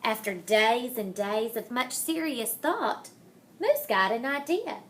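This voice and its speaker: A woman reading a children's picture book aloud in a dramatic, deliberate manner, savoring the rhymes and wordplay. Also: a little high, expressive, fairly bright tone. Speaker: storybook reader.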